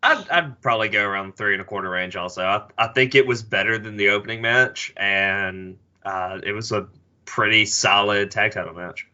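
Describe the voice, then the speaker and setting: A man guesting on a casual podcast chat, talking in an animated way and laughing easily. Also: lowish voice, moderate pace, lo-fi sound.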